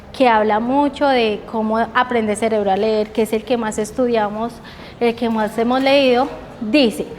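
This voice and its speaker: Woman trainer in a reverberant hall. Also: fairly high pitch. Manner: models letter sounds slowly, stretching them for teachers; asks the group check questions. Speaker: teacher trainer. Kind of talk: training workshop lecture. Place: training room. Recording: reverberant hall with faint background noise.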